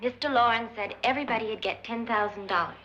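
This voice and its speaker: A woman's voice: on the high side, fast, pushed and bright, muffled recording, a little hiss or hum. An actress in her twenties playing an earnest, anxious young woman in a 1950s horror film. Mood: earnest, uneasy. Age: 20s. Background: music.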